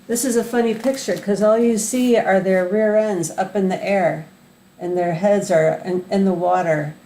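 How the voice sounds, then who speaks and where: An older woman, a sweet old lady, reads a picture book aloud to a child in a gentle, unhurried way, as a grandmother would. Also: mid-range voice, fairly even intonation. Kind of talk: read-aloud storytelling with asides to a child. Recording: roomy echo, faint background noise.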